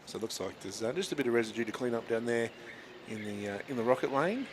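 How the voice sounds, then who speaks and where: A man's voice: medium pitch, expressive, fast talker, background noise. Chatty Australian male race commentator. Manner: chatty, laughs often. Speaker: drag racing commentator. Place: commentary box at a raceway.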